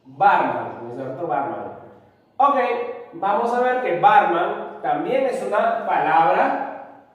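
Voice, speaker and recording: A man's voice: sits high, big pitch swings, slow, phone-quality sound. A man teaching a spelling lesson, speaking patiently, repeating key words and asking rhetorical questions to check understanding. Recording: very echoey room, distant mic.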